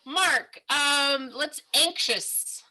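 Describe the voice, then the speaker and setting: Bright, upbeat woman leading an improv exercise. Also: sits high, very slow, poor audio. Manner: upbeat and encouraging, laughs often. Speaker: improv workshop facilitator.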